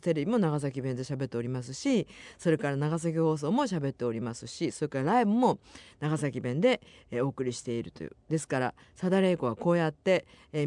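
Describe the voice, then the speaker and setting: A middle-aged woman hosts a radio show in a dry, close studio sound. She reads listener mail and rambles on in a friendly way with soft laughs. Her pitch moves up and down freely. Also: no echo. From Nagasaki, Japan. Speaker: radio host. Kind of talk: chatty radio talk reading listener mail.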